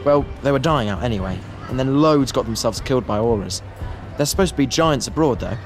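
A man's voice: medium pitch, animated, brisk, soft background music, pitched below the performer's own voice, close to an everyday voice. A man voicing an awkward, hot-headed teenage schoolboy who blusters and splutters. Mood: blustering.

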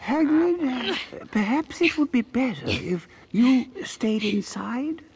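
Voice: mid-range voice, expressive, takes it slowly, darkish tone, a little hiss or hum, voice pushed up. A reader voicing a nervous committee member with a reedy voice in an audiobook. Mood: uneasy.

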